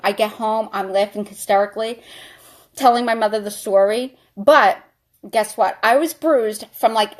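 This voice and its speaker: Chatty woman vlogger telling a story. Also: medium pitch. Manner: chatty, animated, full of "like". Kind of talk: casual storytelling while doing makeup.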